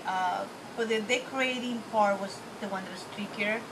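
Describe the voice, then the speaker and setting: A small business owner from the Dominican Republic, speaking with a Dominican Spanish accent, answers interview questions as a guest. Her voice is medium in pitch and moves at a normal speed against a noisy background. She talks casually and candidly, correcting herself along the way.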